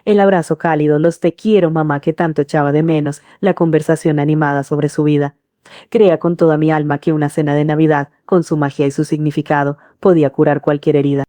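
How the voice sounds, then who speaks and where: Middle-aged lady narrating a story, low dark voice, calm and earnest, dry sound. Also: a little fast, no room sound. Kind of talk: scripted first-person narration.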